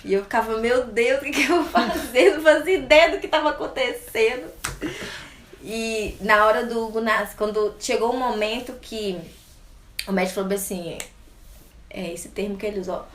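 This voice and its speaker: A young Brazilian woman in her twenties tells a personal story in a casual, chatty way. Her voice sits a little high, and she laughs often and acts out the voices of people she quotes. The room sounds echoey, with a faint background hum. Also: moderate pace, a bit bright. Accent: Brazilian Portuguese. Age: 20s. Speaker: interview guest.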